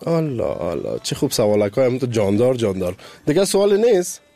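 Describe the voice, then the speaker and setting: A man's voice: mid-range voice, very animated, dark tone, soft background music. A man hosting a live radio call-in show from a studio, effusive and heaping endearments on his callers.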